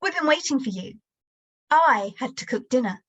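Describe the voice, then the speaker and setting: A woman reading a story aloud, voicing an angry, bullying father who shouts at his wife. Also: sits high, expressive, normal speed, highs cut off. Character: angry abusive father, middle-aged man. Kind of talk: audiobook-style story reading.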